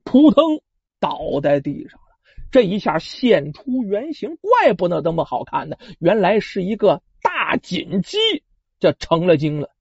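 A storyteller telling a folk tale in a traditional oral style, speaking directly to listeners with drawn-out particles, on a dull lo-fi recording. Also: medium pitch, big pitch swings, darkish tone, husky, no echo.

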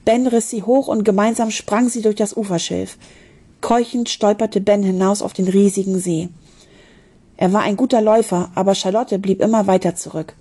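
A woman's voice: mid-range voice, fairly even intonation, moderate pace, dark tone, breathy edge. A woman reading a children's story aloud, expressively, with small slips and restarts. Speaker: narrator.

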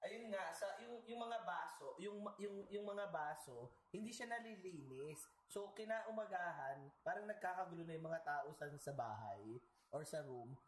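A man's voice: on the high side, lively intonation, measured pace, a little hiss or hum. A man from the Philippines co-hosting a podcast, telling stories in a playful, sassy, self-mocking way. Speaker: podcast co-host. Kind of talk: casual storytelling chat. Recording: echoey room.

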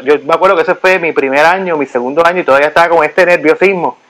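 A man, chatting casually and telling animated, repetitive stories. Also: on the high side, rapid-fire, rough recording. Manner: animated storytelling, repeats himself. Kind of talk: casual chat. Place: United States.

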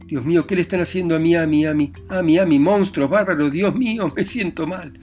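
A man doing a shrill, hysterical young lady. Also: a little fast, darkish tone, faint music behind, lightly acted. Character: distraught young lady, shrieking over her dead dog.

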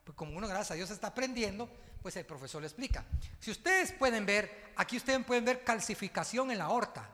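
A man's voice: sits high, lively intonation, fairly quick, sharp tone, big-room sound. A man, a pastor preaching a sermon who tells a story and then rouses his church into repeating after him. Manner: storytelling then rousing call-and-response preaching. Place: church hall.

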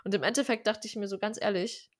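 A woman's voice: mid-range voice, fast, no echo, clean studio sound. A young woman, raised speaking Armenian at home, telling personal stories in a casual conversation with many fillers. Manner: chatty, animated storytelling with fillers.

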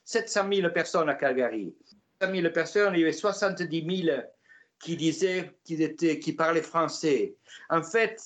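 An older man speaks with a Gascon French accent, his voice sitting a touch higher than most men's. He rambles through his stories in a relaxed interview, pausing on fillers and restarting his sentences as he goes. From Gascony, France. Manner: rambling, many hesitations and restarts. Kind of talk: casual storytelling interview.

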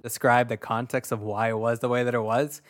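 A man in casual conversation about an album, relaxed and thoughtful, with lots of filler words as he works through his points. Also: mid-range voice, brisk, no room sound, clean studio sound. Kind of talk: casual music review chat.

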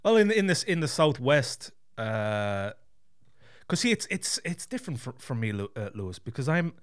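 A man's voice: mid-range voice, sing-song, moderate pace, clear, resonant tone. A man from County Kerry with a west of Ireland accent, chatting casually and bluntly with plenty of swearing. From County Kerry, southwest Ireland. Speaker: guest. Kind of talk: casual conversation.

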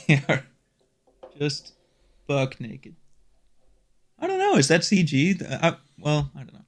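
A man co-hosting a podcast in casual chat, easygoing and quick to laugh. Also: a little high, huge pitch swings. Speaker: podcast co-host.

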